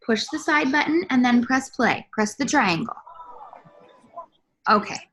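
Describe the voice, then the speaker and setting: A woman's voice: on the high side, lively intonation, a little slow, fairly bright tone, slight background noise. A woman hosting a casual team video call, chatty and distracted, breaking off mid-sentence to direct her kids at home.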